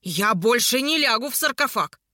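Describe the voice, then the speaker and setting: A woman voicing a short, furious dark-haired male sorcerer who snarls and spits insults. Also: fairly high pitch, sing-song, a little slow, dry recording, studio quality, full character voice. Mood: snarling.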